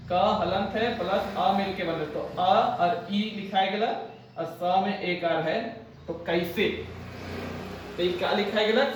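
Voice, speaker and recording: A high-voiced man with a Nagpuri accent teaches an exam-prep lesson, going over each list again and asking if it is understood. He talks slowly, set back from the mic in a very echoey room. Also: distant mic, a little hiss or hum. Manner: explains step by step, repeating lists and asking checking questions.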